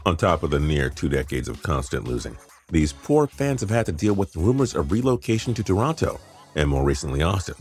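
A man's voice: low-pitched, big pitch swings, fairly quick, a little mellow, faint music behind. A man reading a scripted sports countdown, opinionated and wry. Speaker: sports video narrator.

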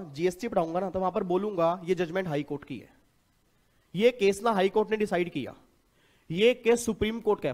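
Male tax teacher, high pitch, animated classroom delivery with questions to students. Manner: animated, asks students questions and answers himself. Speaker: tax lecturer. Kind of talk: classroom lecture.

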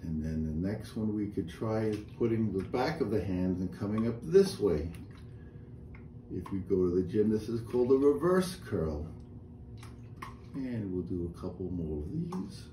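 A middle-aged male instructor, lowish in voice and normal in speed, leads a guided chair workout, calmly calling out steps and breathing counts. The setting is a small indoor room with a painted wall, captured by a close camera with echoey acoustics and light room noise.

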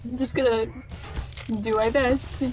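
A woman streaming a video game, chatting casually, laughing often and yelling at enemies. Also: a little high, fairly even intonation, a little slow, low-quality recording. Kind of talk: casual gameplay chat.

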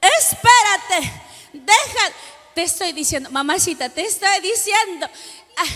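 A woman from Peru plays up an exasperated stage scene, scolding a drunk guest with theatrical flair. Her voice sits very high and bright, and she drags her words out slowly. A long echo and some music ring behind her. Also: lively intonation. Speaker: folk singer and comic performer. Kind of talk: stage comedy sketch with folk singing.

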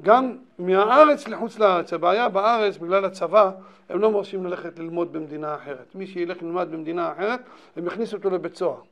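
Man with a high voice, rabbi, animated storytelling lesson, repeats words for emphasis. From Israel.

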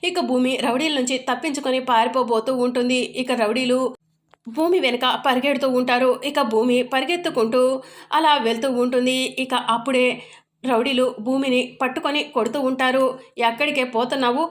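High-voiced woman retelling a serial. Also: steady tone, fairly quick. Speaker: story narrator.

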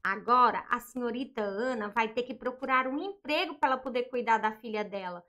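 High-voiced woman narrating a story. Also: brisk, pushed and bright, dull audio. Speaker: narrator of a game story video.

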